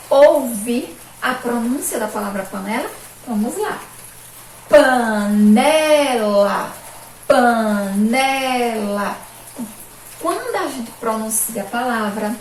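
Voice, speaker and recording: Brazilian portuguese woman, teacher, lively sing-song questions, slightly high voice, roomy classroom echo, faint ambience. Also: far from the mic, a little hiss or hum. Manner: cheerful, sing-song questions to pupils, slow stressed syllables. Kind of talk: remote video lesson for children. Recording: echoey room, voice from off-mic.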